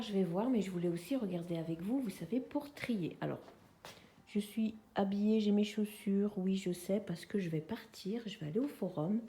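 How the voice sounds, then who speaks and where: Woman, 40s, mellow casual vlog chat at home, tripod camera mic. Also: mid-range voice. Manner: chatty, friendly, addresses viewers as friends. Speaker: vlogger. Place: at home, sitting on the floor. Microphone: camera on a tripod, mic on the far side.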